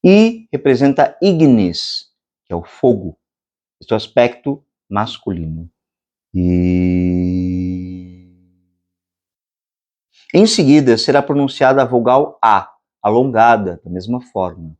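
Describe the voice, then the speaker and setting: A Brazilian man teaches meditation in a slow, measured lecture. His pitch swings widely from phrase to phrase, lifting and dropping as he explains. Now and then he chants long, drawn-out vowels. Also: very animated, a little mellow. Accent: Brazilian Portuguese. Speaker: meditation instructor. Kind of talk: spiritual lecture.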